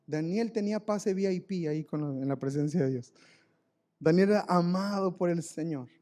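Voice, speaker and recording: A man's voice: high-pitched, moderate pace, warm tone. A man preaching a live church sermon, telling a story with emotion and often repeating words. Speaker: pastor. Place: church service, recorded live.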